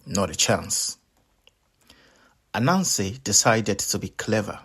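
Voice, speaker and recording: A male storyteller reads a children's story aloud, his delivery expressive, deliberate and dramatic, in a lowish, slightly rough voice.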